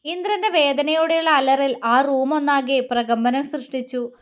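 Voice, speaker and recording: A woman with a high voice narrates a dramatic romantic story. Her reading is emotive and expressive, keeping the scenes flowing as a storyteller. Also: measured pace.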